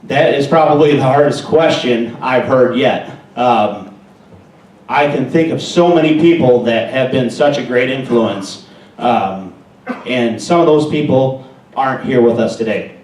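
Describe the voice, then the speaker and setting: A man's voice: medium pitch, unhurried, a little mellow. An American man working as an auctioneer, speaking at a live competition. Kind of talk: competition interview answers and live auction chant. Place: large indoor hall at a live contest. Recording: echoey hall, distant microphone.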